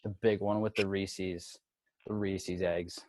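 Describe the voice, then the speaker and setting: Give me a man with a Minnesotan accent chatting in a slangy, easygoing way, in a slightly low voice. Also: level tone, slow, darkish tone, no echo. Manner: laid-back, slangy storytelling. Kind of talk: casual podcast chat.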